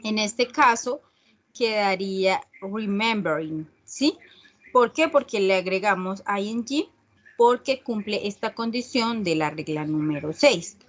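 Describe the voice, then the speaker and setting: A woman teaching a class at an unhurried, deliberate pace, taking her time over each point. She explains rules patiently and keeps checking with her students. Her voice sits at an ordinary middle pitch. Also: lively intonation. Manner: slow and patient, often checking with a questioning "¿sí?"; reads English examples slowly and deliberately. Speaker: English teacher.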